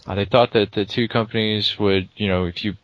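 Low, bright-toned rambling co-host man. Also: steady tone, brisk, no echo, muffled recording. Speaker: podcast co-host. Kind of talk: casual gaming podcast chat.

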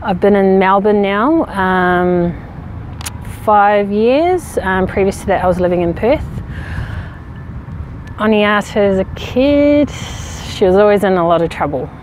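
A woman in her thirties from New Zealand, a rugby player answering interview questions outdoors in a frank, relaxed way with many fillers. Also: medium pitch, measured pace, a little hiss or hum. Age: 30s. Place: outdoors on a sports field. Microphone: camera at medium distance.

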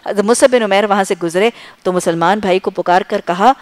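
A woman preacher giving an impassioned sermon, building rhythmic lists of short phrases and dropping to soft, low asides. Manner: swings between loud emphasis and soft low asides. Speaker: Islamic preacher.

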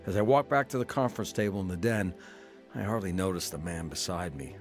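Faint music plays behind a man whose low voice moves fairly quickly as he performs a scripted first-person radio drama. He portrays an earnest, troubled character recounting his own past, reflective and grave in mood.

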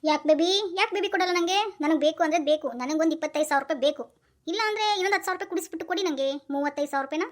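A woman's voice: high voice, very fast. A woman playing a bossy, demanding young wife in a comedy sketch, scolding and then coaxing with pet names. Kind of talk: comic sketch acting.

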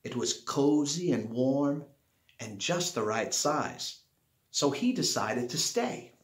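Expressive middle-aged man, slow storybook reading. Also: medium pitch. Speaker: storyteller reading a picture book aloud. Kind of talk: children's storybook read-aloud. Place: small living room at home, indoors. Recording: roomy, echoey home recording.

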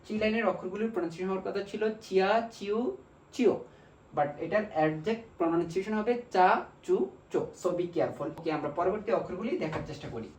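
A man with a Bangladeshi Bengali accent teaching a language lesson, slowly drilling syllables one by one. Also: sits high, darkish tone. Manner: slow, repetitive drilling of syllables. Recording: echoey room, mic far off.

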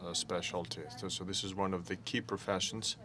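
A man giving a conference presentation, speaking slowly and haltingly with many pauses. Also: deep voice, fairly even intonation, pushed and bright.

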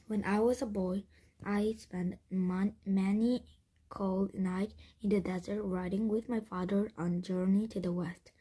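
Lady reading a wise desert caravan guy, breathy, slow and soft. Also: mid-range voice, fairly even intonation. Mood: wistful. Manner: slow, soft, half-whispered delivery. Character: grown man, a wise desert caravan leader.

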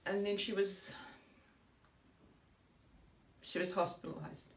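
Dramatic monologue: actress as bewildered grieving mother, middle-aged, searching soliloquy, creaky voice, long gaps, distant roomy recording. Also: medium pitch, fairly even intonation. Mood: subdued, searching. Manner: searching soliloquy, halting with long pauses, groping for words. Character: grieving mother recalling her daughter's decline, subdued and bewildered. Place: indoor room before a curtain, recorded from a few feet. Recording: roomy echo, distant microphone.

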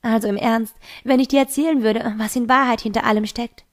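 A secretive teenage girl, voiced by a woman reader in a homemade audiobook. She talks evasively, brushing questions off with reassurances. The voice sits a little high and close to the reader's own. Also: fairly even intonation, fairly quick, lightly acted.

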